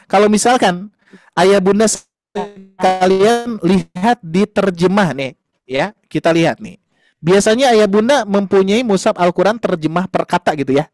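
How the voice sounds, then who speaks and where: A man with a high voice speaks a little slowly, with no echo, while teaching an online Quran class. He patiently explains things to parents, warmly calling them "Ayah Bunda" and using many fillers and tag questions.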